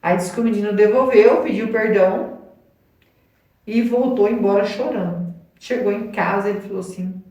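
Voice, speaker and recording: A woman vlogger recounts a story on location in a loose, rambling style, tagging her sentences with little questions. Her voice sits at an ordinary middle pitch. It comes from some distance off the mic and is wrapped in heavy echo. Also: moderate pace, darkish tone. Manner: rambling retelling with constant "né?" tag questions. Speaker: channel host. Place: outdoors on location, dusty corn area. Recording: very echoey, mic far off.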